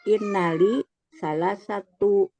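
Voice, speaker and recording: A woman student on a video call practicing Arabic, halting and sounding out words. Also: medium pitch, steady tone, mellow, no room sound. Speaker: adult student.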